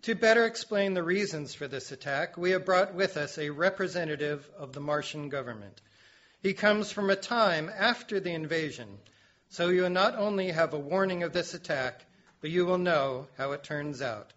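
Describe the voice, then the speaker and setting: A man's voice: fairly high pitch, moderate pace, fairly bright tone, dull audio, lightly acted. A man voicing a dramatic male herald who warns humanity, delivered in an announcer's manner in an audio drama. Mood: ominous.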